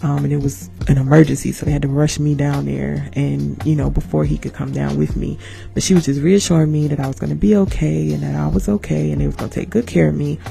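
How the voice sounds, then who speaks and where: A woman in her thirties hosting a podcast, telling a birth story as a lively monologue, acting out the people in it and calling her listeners "y'all". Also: deep voice, fast, vocal fry, faint music behind. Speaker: podcast host.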